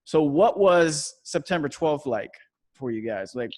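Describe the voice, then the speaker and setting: A man's voice: fairly high pitch, animated, measured pace, darkish tone. A man hosting a podcast, asking questions in loose, chatty talk. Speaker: podcast host. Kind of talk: casual interview chat.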